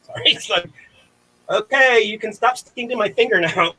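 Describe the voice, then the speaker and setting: This comic performer's voice sits high and sounds pushed and bright with a breathy edge, at a normal pace, and the audio is poor. Addressing the camera for an online showcase, he rambles through a flustered, self-deprecating, apologetic monologue. Theatrical outbursts of exclamation punctuate it.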